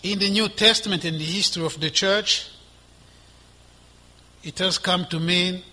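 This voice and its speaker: A man preaching a sermon, reading scripture slowly and deliberately with emphatic rises. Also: high-pitched, fairly even intonation. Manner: asides with soft laughter.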